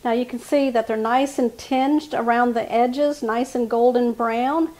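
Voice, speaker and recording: In her home kitchen, a cooking channel host gives friendly, step-by-step baking instructions as a casual demonstration. Her voice is on the high side, steady, unhurried and darkish in tone.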